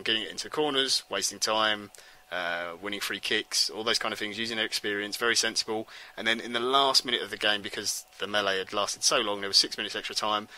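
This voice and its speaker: A man hosts a casual football podcast, walking through the game in long, rambling stretches full of ums and restarts. His voice sits a little low, but it comes across very bright and forceful. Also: rough recording. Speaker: podcast host.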